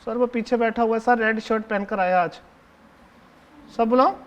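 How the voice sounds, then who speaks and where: In a one-man show, a man portrays a cheeky seventh-grade boy who talks to the audience in a very high, boyish voice at normal speed with fairly even intonation, and the recording has its highs cut off. Bossy and tattling, the chatty boy keeps hushing and ordering classmates around. He tattles to the teacher with a fawning "sir" in every sentence.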